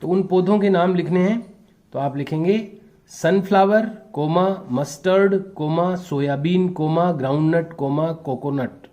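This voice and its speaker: Slow-dictating man teacher. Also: fairly high pitch, dark tone. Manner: slow, dictating answers word by word, translating each phrase. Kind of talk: classroom lesson, bilingual explanation.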